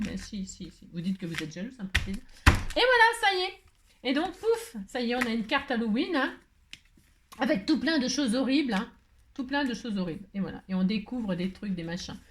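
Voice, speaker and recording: A woman's voice: fairly high pitch, sing-song, normal speed, slight background noise. A woman hosting a casual crafting tutorial, chatty and playful, joking as she works. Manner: chatty, playful, full of filler tags. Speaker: craft video host.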